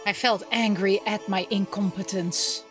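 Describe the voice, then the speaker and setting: Streaming a visual novel, this woman speaks in a steady, medium-pitched voice, a little on the slow side. She chats casually, reads the on-screen text aloud, and drops in small interjections, with game music underneath.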